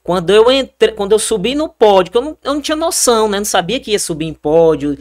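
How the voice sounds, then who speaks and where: A young Brazilian man, a soldier and triathlete, telling his story as a guest in a casual interview, animated and full of fillers and restarts. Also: high-pitched, fast talker.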